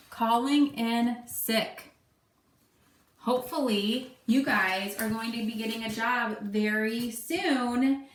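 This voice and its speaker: This woman teacher, in her thirties, chats through an informal remote lesson from home, musing aloud with fillers. Her fairly high voice comes from a distance off the mic, with echo in the room and a bit of hiss or hum.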